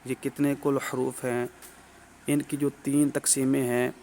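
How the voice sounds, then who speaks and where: A man's voice: mid-range voice, little pitch movement, darkish tone, slight background noise. A man with a Pakistani Urdu accent teaching tajweed in a recorded lesson, explaining step by step, checking in often with the listener and carefully drawing out letter sounds. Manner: explanatory, frequent "ٹھیک ہے" check-ins.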